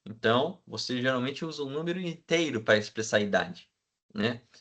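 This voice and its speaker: A man gives a classroom lecture at a middling pitch. He keeps checking that the students follow him and fills his pauses with hesitant sounds. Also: animated, fairly bright tone. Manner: asks the class for agreement constantly. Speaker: teacher.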